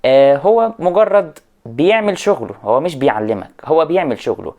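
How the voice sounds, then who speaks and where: A man with an Egyptian Arabic accent talking straight to students, lecturing with animated mock examples of English phrases. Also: medium pitch. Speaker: education vlogger. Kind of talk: direct-address rant to students.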